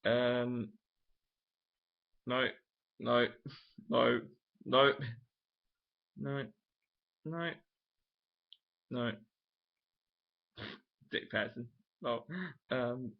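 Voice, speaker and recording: A young man chatting casually to his camera, wandering from thought to thought and restarting his sentences as he goes. His voice sits at an ordinary middle pitch, and the recording has a dull, lo-fi home sound. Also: steady tone, drawn-out words, vocal fry, pauses often. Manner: rambling, thinking aloud with many restarts. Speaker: vlogger. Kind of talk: casual vlog chat.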